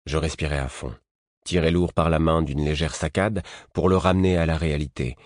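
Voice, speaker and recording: A man reading a first-person audiobook in a measured, even storytelling manner. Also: rumbling low, dry recording, studio quality. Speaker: audiobook narrator. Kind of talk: scripted first-person narration.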